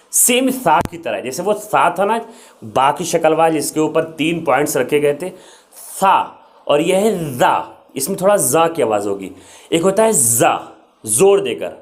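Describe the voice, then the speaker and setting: A young man teaching the Arabic alphabet in Urdu, patiently explaining each letter and repeating its sound. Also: fairly high pitch.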